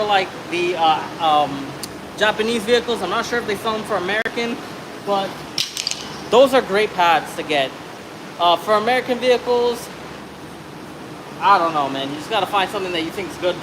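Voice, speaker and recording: Working on brakes in a shop where a truck sits on a hoist, a thirtysomething auto mechanic narrates casually and ramblingly, with occasional swearing. He speaks at normal speed in a high-pitched voice, and the background is noisy.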